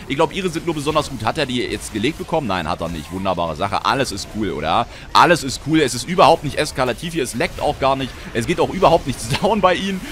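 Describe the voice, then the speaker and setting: Excitable young German gamer, lively pitch. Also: male voice, a little hiss or hum. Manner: excitable, swearing, frustrated outbursts. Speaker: gaming commentator. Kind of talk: live Let's Play commentary.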